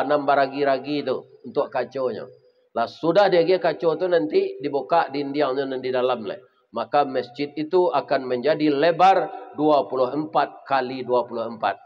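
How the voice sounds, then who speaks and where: A male preacher with a Minangkabau accent delivers a humorous sermon, telling a story in a lively way and often turning to the congregation with questions. His voice sits a little high, and the lo-fi recording sounds slightly dull.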